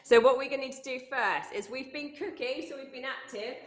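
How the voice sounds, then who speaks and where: A woman's voice: high voice, a little fast. A young British woman leading an online cooking and workout class, coaching with upbeat encouragement and counting down the reps. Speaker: fitness and cooking instructor. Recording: very echoey room with music.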